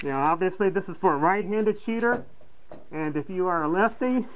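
A man's voice: sits high, moderate pace, slight background noise. A middle-aged man who hosts a prepper video, speaking muffled through a gas mask as he casually demonstrates gear in a plain-spoken way.

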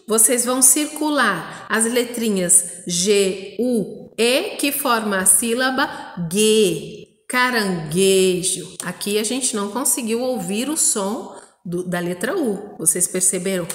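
Brazilian schoolteacher recording a kids' lesson; stretches syllables, keeps asking "não é?", echoey room with long reverb. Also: female voice, medium pitch, animated. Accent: Brazilian Portuguese. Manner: slow, drawn-out spelling of syllables with frequent "não é?" checks. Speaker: primary school teacher. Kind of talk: recorded lesson for young children.

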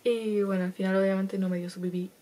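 A woman's voice: mid-range voice, little pitch movement, fast talker, warm tone, slight background noise. A fifteen-year-old girl with a Chilean accent, telling a personal story to camera in a casual, chatty way with lots of laughs. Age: teenager, 15. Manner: chatty, laughs often, acts out quotes. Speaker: vlogger.

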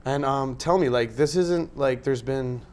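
A man's voice: medium pitch, measured pace, a little mellow, a little hiss or hum. Joking male host for a casual local chat show. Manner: joking, easygoing. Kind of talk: casual interview.

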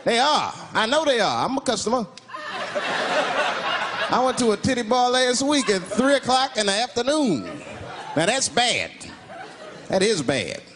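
A male stand-up comedian telling stories in an animated, incredulous manner in front of a live audience. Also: very high voice, unhurried, long pauses. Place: stage before a live audience. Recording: loud laughing crowd and heavy noise.

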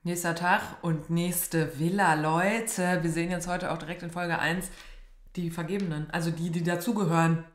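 Young female reaction host, casual gushing commentary in a roomy space. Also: moderate pace. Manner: chatty, gushing, swings high when excited. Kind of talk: casual commentary on a reality show. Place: small decorated room indoors.

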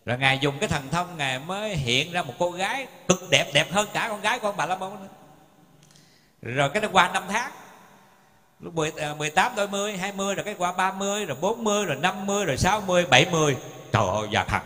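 High-voiced monk preaching. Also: male voice, lively intonation, quick pace, pushed and bright. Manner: folksy storytelling, addresses the audience directly. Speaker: Buddhist monk teaching the Dharma. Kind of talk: sermon. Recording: long hall reverb.

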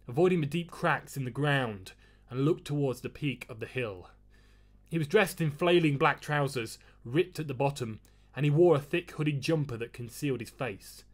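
Man, mid pitch, reading his novel aloud, measured storytelling. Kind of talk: audiobook-style reading.

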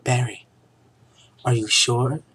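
Anxious young romantic heroine, done by a man, raised pitch, hammy pleading, story reading with some noise. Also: level tone, slow, fairly bright tone. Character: anxious, lovestruck young woman in melodramatic romance. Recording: noticeable background noise.

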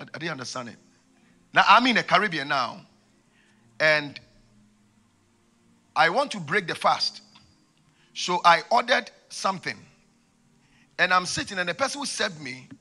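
A man in his forties with a West African accent and a husky voice, preaching and telling stories, repeating phrases for emphasis into a handheld microphone. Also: a little high, pushed and bright. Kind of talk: sermon with storytelling. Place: large church auditorium, on stage.

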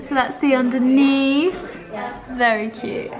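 Excitable young woman vlogger, music behind. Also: high voice, takes it slowly. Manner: excitable, gushing. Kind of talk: casual chatty vlog. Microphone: handheld camera. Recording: music and busy chatter behind the voice.

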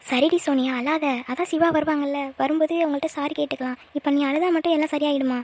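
A woman's voice: high voice, fairly even intonation, fast, darkish tone, close to an everyday voice. A woman voicing a tearful young female college student in a cartoon, emotional and pleading. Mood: upset. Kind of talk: cartoon voice acting.

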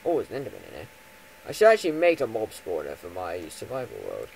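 A young man giving chatty Minecraft let's play commentary, full of ums and self-corrections, jumping from loud bursts down to low mumbles. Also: huge pitch swings, quick pace, gravelly, slight background noise, rough recording. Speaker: gaming YouTuber.

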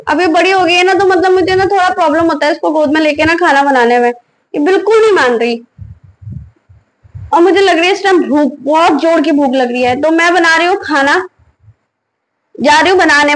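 A young mother with a high, light voice vlogs at home late at night. She is hungry and worn out and talks to the camera in a weary, frustrated way, recorded on a phone on a tripod. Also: a little fast, rough recording. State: hungry and tired. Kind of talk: casual home vlog. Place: home bedroom and kitchen at night.

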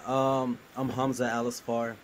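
A man's voice: medium pitch, level tone, a little slow, rough recording. A man from Jordan, raised in the United States, giving plain, somewhat hesitant interview answers over a video call. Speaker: guest developer. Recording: faint ambient noise.

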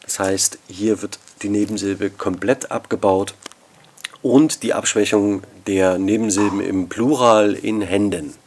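Low, gravelly-voiced male lecturer. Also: fairly even intonation, slight background noise. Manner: measured academic explanation, addressing students formally. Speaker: university lecturer. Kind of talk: recorded lecture podcast.

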